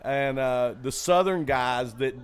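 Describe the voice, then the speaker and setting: A man's voice: mid-range voice, slow pace, smooth. Man, comedy club owner, casual green room chat, rambling with lots of ums and restarts.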